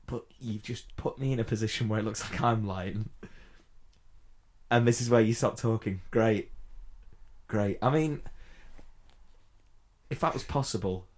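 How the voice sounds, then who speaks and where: A man hosting a casual comic interview, talking in a halting, flustered, bantering way. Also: on the low side. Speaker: podcast host and interviewer.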